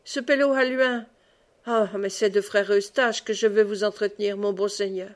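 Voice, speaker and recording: A woman's voice: medium pitch, fairly even intonation, moderate pace, lightly acted. A woman reading the lines of a jovial, talkative male monk who rambles from one tale to another in an audiobook. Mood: rambling. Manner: rambling, digressive, pleading.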